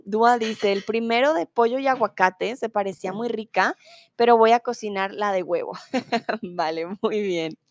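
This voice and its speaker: A woman from Bogotá, Colombia, teaching a live online Spanish class in a friendly manner and reading out her students' comments. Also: mid-range voice. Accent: neutral Bogotá Colombian Spanish. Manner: friendly, reads student comments aloud with laughs.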